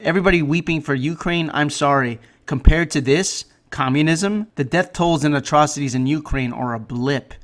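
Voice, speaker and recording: A man hosting a political commentary show, delivering mocking jokes in a sarcastic, deadpan way. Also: fairly high pitch, normal speed, hardly any pauses, a little hiss or hum.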